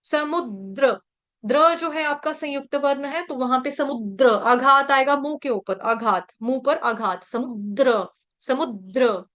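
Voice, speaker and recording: High-voiced, slow woman teaching recitation. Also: fairly bright tone. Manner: repeats words syllable by syllable, drilling pronunciation; chants verse lines slowly. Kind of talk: devotional pronunciation lesson.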